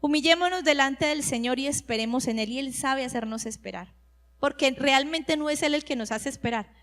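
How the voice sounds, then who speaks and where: High-voiced woman preaching in a reverberant church. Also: a little fast. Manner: lively storytelling, voices others in quotes. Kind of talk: sermon. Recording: long hall reverb.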